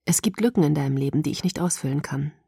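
Woman voicing a soft-spoken young vampire man. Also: fast, vocal fry, husky, no echo, studio quality, heavily acted. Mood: gentle. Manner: soft, low and gentle. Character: calm tender young male vampire lover. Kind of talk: audiobook reading.

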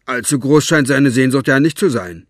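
A man voices a sneering, limping thug, snarling and mocking in a mid-range voice pitched above his natural one. His intonation is lively and his pace normal, and the studio-quality recording has no echo.

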